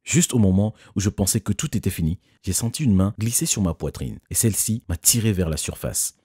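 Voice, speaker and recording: A man doing scripted first-person narration of an animated story. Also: lowish voice, a little fast, slightly rough, dry recording, clean studio sound.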